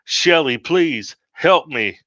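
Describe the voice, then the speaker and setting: A man voicing a desperate, terrified farmer, pleading in strained shouts, on a dull lo-fi recording. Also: mid-range voice, expressive, slow pace, dry recording.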